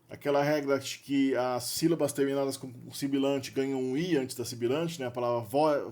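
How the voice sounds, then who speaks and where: A man's voice: fairly high pitch, a little mellow. A man with a Brazilian Portuguese accent giving an unscripted linguistics lecture, thinking aloud with restarts and frequent question tags. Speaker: linguistics video presenter.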